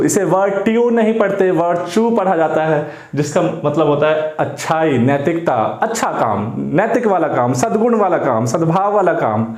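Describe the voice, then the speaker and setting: A man teaching English vocabulary for exam prep, explaining slowly and repeating key words as he switches between Hindi and English. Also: high-pitched, a little mellow, roomy sound.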